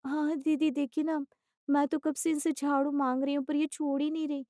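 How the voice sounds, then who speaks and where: A woman voicing a sweet, innocent young daughter-in-law who speaks softly and politely, a little higher than her usual voice. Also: flat delivery, a little fast, no echo, clean studio sound, lightly acted. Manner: soft, polite and eager.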